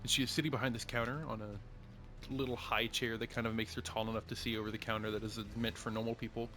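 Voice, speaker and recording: A man's voice: medium pitch, flat delivery, fast talker, fairly bright tone. Man narrating as game master. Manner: descriptive, many fillers.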